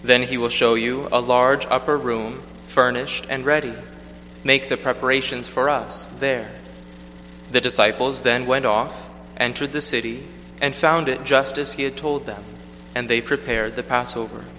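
A man's voice: mid-range voice, fairly even intonation, pushed and bright. Man preaching with cathedral echo. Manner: measured, earnest delivery. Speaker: preacher at Mass. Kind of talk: gospel reading and homily. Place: large church. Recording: long church reverb, faint hum.

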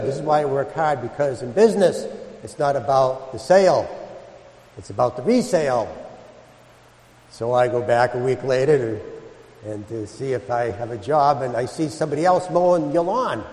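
In a large church with long, echoing hall reverb, a priest reads the Gospel and gives a homily. His medium-pitched, darkish voice has lively intonation and a moderate pace, broken by long pauses. He talks conversationally, drawing on everyday examples and acting out asides.

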